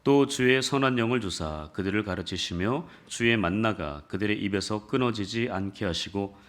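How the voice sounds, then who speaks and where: A man's voice: fairly low pitch, normal speed. A man pastor leading scripture reading, then preaching a sermon with jokes, questions to the congregation and rising emphasis. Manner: builds from calm scripture reading to emphatic exhortation.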